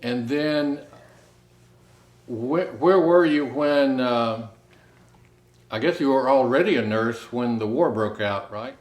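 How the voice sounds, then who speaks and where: A man interviewing an elderly veteran, asking short questions in a gentle, patient way. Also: medium pitch, takes it slowly, long pauses, roomy sound.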